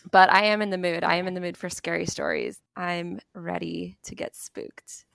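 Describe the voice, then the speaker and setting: A woman hosts a podcast from a bedroom, laughing easily as she chats and tells a story. Her voice has a gravelly edge. The sound is dry and close. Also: fairly low pitch, moderate pace, no echo. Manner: laughs often, relaxed telling. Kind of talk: casual chat and storytelling. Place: bedroom at her parents' apartment.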